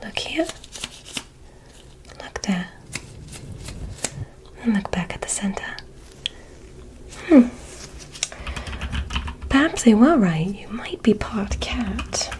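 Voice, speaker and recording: In an ASMR roleplay, a woman with a mid-range voice plays a curious alien medical examiner who is gently condescending. She speaks in a soft, breathy, measured whisper and gives clinical instructions.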